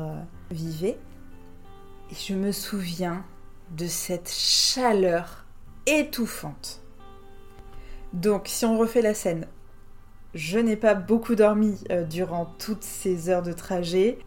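A French woman who hosts a podcast shares a personal travel story, sounding reflective and hesitant and using frequent fillers. Her voice is on the low side.

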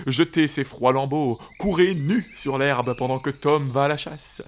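A man voicing a jolly, booming old forest spirit who chants his commands in a loud sing-song. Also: a little slow, lightly acted. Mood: commanding chant.

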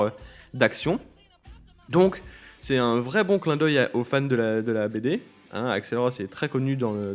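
Hesitant French-speaking man hosting a podcast. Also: mid-range voice. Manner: hesitant, many fillers and restarts. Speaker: podcast host. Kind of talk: casual solo podcast talk.

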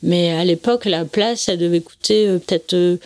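A woman in her forties from France, a sailor being interviewed, explaining things at length in a relaxed, conversational way. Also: lowish voice, moderate pace, no room sound, studio quality. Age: 40s. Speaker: guest, offshore sailor.

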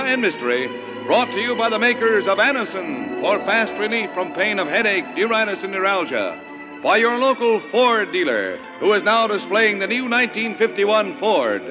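An American man in the manner of an old radio announcer, formally and grandly reading a scripted show introduction on a vintage broadcast. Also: high voice. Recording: vintage 1950s radio broadcast, muffled, over music. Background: loud music.

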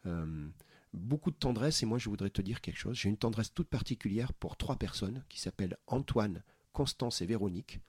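A man, a podcast host, talking earnestly about his interviews in a warm, heartfelt way, often restarting his sentences. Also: lowish voice, expressive, moderate pace, husky, no echo, clean studio sound. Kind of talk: conversational interview storytelling. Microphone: studio microphone.

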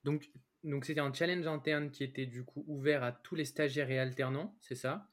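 A man hosting a podcast interview, asking questions in a casual, upbeat way with quick friendly reactions. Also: medium pitch, fairly even intonation. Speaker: podcast host.

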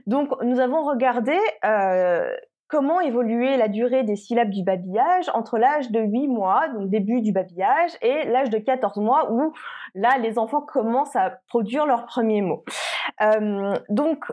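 A woman's voice: on the high side, expressive, measured pace, a little mellow, highs cut off. A woman, a linguist researcher answering interview questions carefully, with frequent hesitations and restarts.

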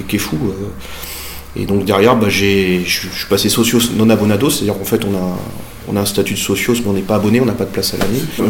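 A man's voice: on the low side, slight background noise. Hesitant middle-aged man in a roomy space. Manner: hesitant, many fillers. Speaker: interviewee, football fan. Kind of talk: casual reminiscing interview. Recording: roomy with faint ambience.

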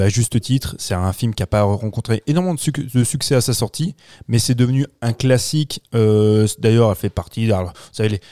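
A man co-hosting a casual film podcast, relaxed and thinking aloud as he talks. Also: on the low side, clean tone, no echo, clean studio sound. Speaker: podcast co-host.

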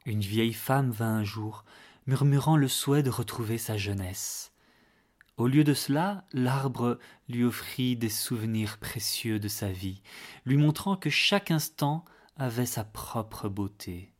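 A man reading a fairy tale aloud in a slow, unhurried, gentle manner. His mid-pitched voice stays calm and measured, and at moments it drops to a near-whisper. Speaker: storyteller. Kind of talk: scripted fairy-tale narration.

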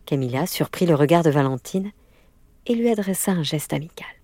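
Lower-voiced woman narrating a storybook. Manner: measured, expressive. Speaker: audiobook narrator. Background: faint music.

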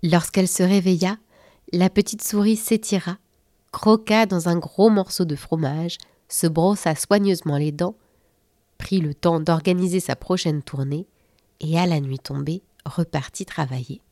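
Lady reading a kids' story, playful, kinda low voice, super dry mic. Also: measured pace, dark tone, dry recording. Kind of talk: children's story narration.

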